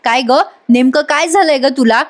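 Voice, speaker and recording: A woman's voice: high voice, normal speed, lightly acted. A woman doing a bullying villainous aunt. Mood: threatening. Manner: menacing, bullying. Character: scheming threatening middle-aged aunt, domineering villain.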